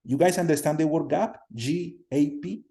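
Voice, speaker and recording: A man from Colombia in his thirties teaching a class over a video call, energetic, often repeating words and putting questions to the students. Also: on the high side, normal speed, creaky. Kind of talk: online class lecture. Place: home room on a video call.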